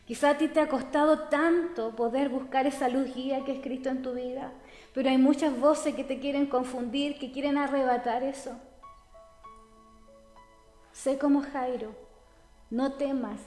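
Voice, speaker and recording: A woman's voice: high voice, steady tone, moderate pace. A woman preaching a sermon, speaking earnestly and addressing listeners directly. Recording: echoey hall with soft music. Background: soft background music.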